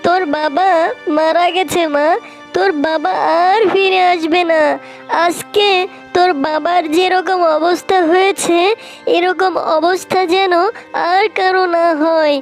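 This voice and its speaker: A woman's voice: very high-pitched, steady tone, unhurried, soft background music. A woman voicing a caring female fox mother and wife in a cartoon, tender and tearful in manner. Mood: grieving. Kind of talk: cartoon voice acting.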